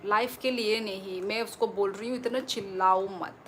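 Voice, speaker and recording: Chatting casually on a phone livestream, a streamer from Tripura, India reads out her viewers' comments and responds to them. She speaks at normal speed in a steady, medium-pitched voice, and clear background noise can be heard.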